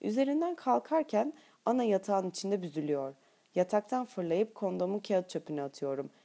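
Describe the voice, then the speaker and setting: A woman narrating an audiobook in first person with a steady, intimate reading. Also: mid-range voice, a little fast, vocal fry.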